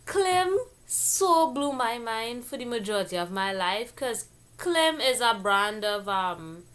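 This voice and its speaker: A woman from Trinidad with a Caribbean Trinidadian accent, explaining things casually like a vlog host in a playful, jokey, expressive way. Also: on the high side, slow.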